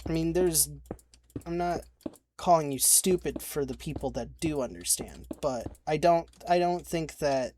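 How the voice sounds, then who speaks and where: Expressive and unhurried, a young man with a fairly high, darkish voice narrates his video game as a let's-play creator. He rambles in frustration, swearing and beginning sentences again. Faint keyboard clicks and a little hiss or hum are present.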